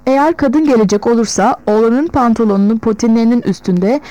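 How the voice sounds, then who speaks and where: A woman's voice: fairly high pitch, brisk, natural voice, rough recording. A woman voicing an irritable old tailor's helper. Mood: irritated. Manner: impatient, shouting back. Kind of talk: audiobook reading.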